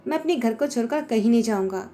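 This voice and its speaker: A woman's voice: on the high side, expressive, fast, mellow, soft background music, natural voice. A woman voicing a hurt but stubbornly loyal young husband, speaking in an insistent, pleading way.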